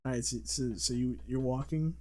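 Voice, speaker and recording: A man narrates as game master of a loose comedy role-play and rambles through his scenes. He keeps restarting his sentences. His voice is fairly flat in pitch. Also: normal speed. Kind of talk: casual improvised game narration.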